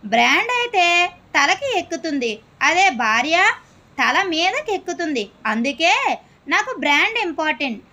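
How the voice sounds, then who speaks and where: A woman voicing a grumbling middle-aged husband who drinks every day, in a comedy skit, with a lowered, gruff delivery. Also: sing-song, moderate pace, bright, forceful tone, exaggerated voice. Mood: smug.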